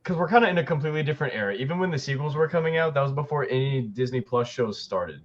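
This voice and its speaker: Man, muffled as if through a wall, lively pitch, dull lo-fi sound, casual podcast chat. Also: very fast. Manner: rambling, restarts sentences. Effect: muffled and distant, as if through a wall, from a switched mic input. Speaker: podcast co-host. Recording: dull distant mic with faint hiss.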